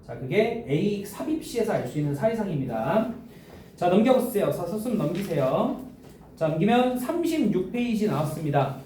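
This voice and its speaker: A male high school teacher giving a classroom lecture, throwing quick questions at students in casual speech. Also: very animated, mellow. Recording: echoey classroom from a distance with faint noise.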